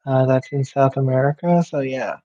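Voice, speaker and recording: A young man from Guyana chats casually as a podcast guest in a mid-range voice at a moderate pace. He is relaxed, laughs easily and talks in loose run-on phrases, and the recording sounds somewhat dull and muffled.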